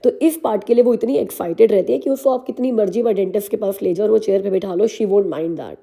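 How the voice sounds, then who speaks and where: A woman in her thirties with a Hindi accent vlogs casually, her mid-range voice fast, dark-toned, and touched with vocal fry. Chatty and self-mocking, she pokes fun at herself and mixes Hindi with English.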